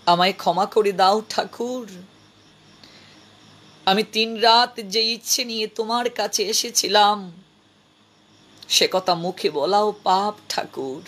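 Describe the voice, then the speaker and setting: A man voicing a remorseful young courtesan who begs a saint for forgiveness, in a drawn-out, pleading, self-reproaching manner. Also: high voice, bright, forceful tone, exaggerated voice.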